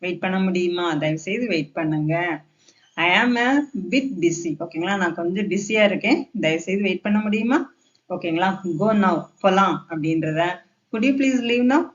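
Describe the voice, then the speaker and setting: A teacher explains a language lesson, slowing right down and pronouncing each English phrase carefully. The voice sits at an ordinary middle pitch and checks in with listeners again and again. The recording sounds a little dull and lo-fi. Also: fairly bright tone. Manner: reads English phrases slowly and carefully, often checks "okay?".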